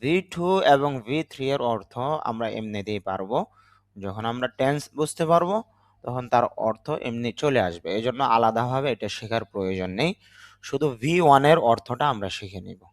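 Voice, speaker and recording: A man's voice: medium pitch, brisk, no echo. A man with a Bangladeshi Bengali accent, an English teacher, patiently explaining grammar rules step by step.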